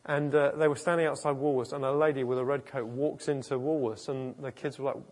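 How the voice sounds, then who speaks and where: In a level, mid-range voice that is a little fast and a little mellow, a pastor delivers an informal, earnest sermon in a conversational style. He frequently breaks off to restart or correct himself partway through sentences.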